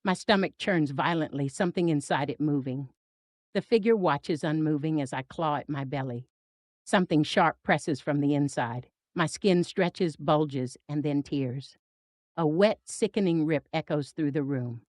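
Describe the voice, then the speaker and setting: A woman reading a first-person horror story in an intense, expressive, dramatic style. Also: deep voice, measured pace, dry recording, studio quality.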